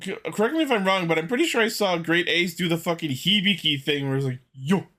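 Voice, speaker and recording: A man's voice: high-pitched, quick pace. A man co-hosting a podcast, chatting casually and with plenty of swearing as he recaps a show. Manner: profane, animated fan commentary. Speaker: podcast co-host.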